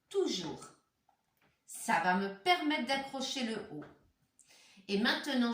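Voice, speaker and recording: A primary school teacher with a medium-pitched voice takes young children patiently through each step of a handwriting lesson. The home room is echoey and she sounds distant from the mic.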